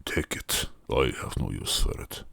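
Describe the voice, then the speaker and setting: Reading a story, a man voices an enormous metal smith god, stony, disdainful, imperious and menacing, with a slow-burning delivery. His voice is pushed and bright, recorded at studio quality with no echo.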